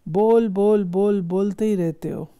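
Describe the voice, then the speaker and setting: Dark-voiced woman reading a sermon. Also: mid-range voice, clear, resonant tone. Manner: measured, instructive, rhetorical questions. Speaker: reader of spiritual discourse. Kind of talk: reading a spiritual discourse aloud.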